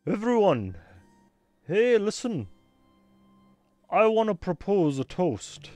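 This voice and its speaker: A man voicing a tipsy woman at a party who loudly calls for a toast, with a raised, slurred voice. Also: high voice, very animated, extremely slow, pauses often, no room sound, soft background music, voice pushed up, heavily acted.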